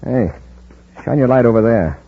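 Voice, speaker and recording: Through a muffled, slightly noisy old radio recording comes a decisive American space commander, acted by a man. His middle-pitched voice moves in a lively way as he gives clipped, authoritative orders in 1950s adventure serial fashion. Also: moderate pace, close to an everyday voice. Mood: steady, commanding. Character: brave, decisive male space patrol commander.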